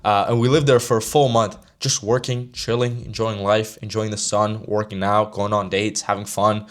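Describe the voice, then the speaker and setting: A man's voice: fairly low pitch, little pitch movement, normal speed. A man of about twenty giving a brash motivational talk to camera as a sales mentor, casual and slangy. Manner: brash, slangy, straight-talking.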